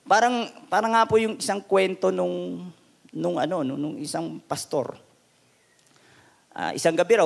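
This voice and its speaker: A man's voice: high-pitched, gravelly. A man from the Philippines preaching a conversational sermon at a church service, chatty and humorous, often checking in with his listeners. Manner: chatty, humorous, tag questions. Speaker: lay preacher.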